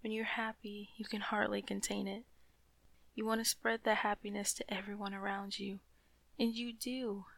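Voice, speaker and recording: A woman in an ASMR comfort roleplay, speaking softly and soothingly to a loving partner, often slipping into whispers close to the mic. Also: medium pitch, level tone, normal speed, gravelly, no room sound.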